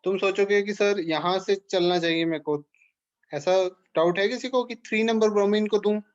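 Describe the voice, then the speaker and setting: A man's voice: high voice, normal speed, highs cut off. A man teaching an organic chemistry class, explaining step by step and checking in with questions to his students. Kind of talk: classroom lecture.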